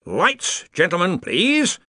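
A man voicing a gruff, bossy male head wizard who talks briskly and gives orders. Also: high voice, wildly swooping pitch, sharp tone, dry recording, studio quality, pitched above the performer's own voice, heavily acted. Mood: commanding. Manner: brisk and commanding.

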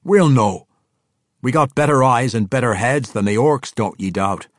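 A man voicing a bold dwarf warlord who talks bluntly in rough common speech. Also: mid-range voice, normal speed, dry recording, studio quality, pitched above the performer's own voice, lightly acted. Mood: boastful.

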